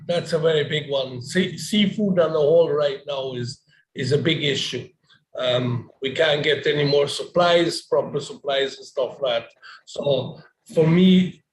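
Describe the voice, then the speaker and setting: A man with a slightly higher voice talks over a video call in a relaxed, conversational way. His sound is roomy and echoey, with faint noise behind him. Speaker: airline chef. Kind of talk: online meetup interview.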